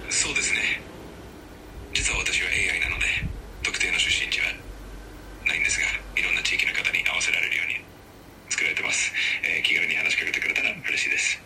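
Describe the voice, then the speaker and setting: A male AI assistant voice, low and gravelly with a fast, bright delivery. He stays polite and earnest, with stiff, formal phrasing even when he slips into a put-on Kansai dialect. The voice sounds somewhat distant from the mic, over a faint hiss. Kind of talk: polite scripted assistant chat.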